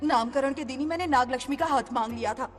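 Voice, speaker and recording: A woman's voice: high voice, fast, long reverb tail, faint music behind, lightly acted. A woman voicing a coaxing old grandmother ghost. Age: older. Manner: coaxing, persistent. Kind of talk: Hindi film dub.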